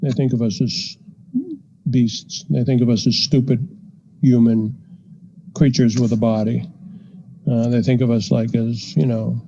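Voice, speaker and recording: An older man, a psychiatrist guest on a podcast, telling a story in a measured way with frequent fillers. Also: medium pitch, warm tone. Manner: measured, anecdotal, frequent "you know" fillers. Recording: dull lo-fi podcast audio.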